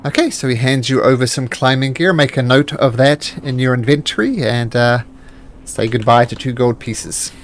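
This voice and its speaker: A man's voice: medium pitch, normal speed, a little hiss or hum. A man improvising as game master of a tabletop role-playing game, speaking casually.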